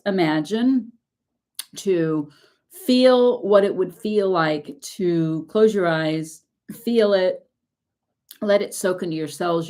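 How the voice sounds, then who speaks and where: A woman's voice: fairly low pitch, a little mellow. A woman success coach giving an earnest, emphatic motivational talk to camera.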